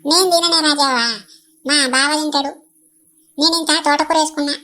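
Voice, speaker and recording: A woman's voice: sits high, steady tone, brisk, bright, forceful tone. A woman voicing a fussing middle-aged village neighbor, chatty and scolding, in a Telangana accent.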